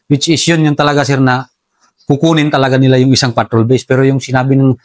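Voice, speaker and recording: A soldier telling how the enemy operated, in a relaxed interview, respectfully calling his listener sir throughout. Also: medium pitch, quick pace, no room sound. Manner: respectful, says "sir" constantly. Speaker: soldier recounting enemy tactics. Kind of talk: casual interview storytelling.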